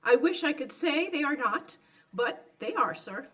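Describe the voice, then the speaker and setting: A woman's voice: high voice, lively intonation, measured pace, bright, forceful tone, far from the mic, exaggerated voice. A woman playing a polite, earnest genteel lady raising funds, speaking formally in old-time radio drama style. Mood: earnest, persuasive. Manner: courteous, formal, persistent.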